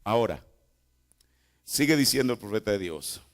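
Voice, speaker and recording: A man's voice: on the low side, animated, moderate pace. A man preaching a sermon in a church, repeating phrases and asking the congregation rhetorical questions. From Mexico. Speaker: pastor.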